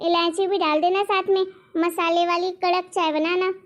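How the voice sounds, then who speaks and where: A woman voicing a middle-aged mother in an animated story who scolds and orders her grown daughter about. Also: extremely high pitch, moderate pace, slight background noise. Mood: bossy. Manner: scolding, bossy. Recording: dull lo-fi recording.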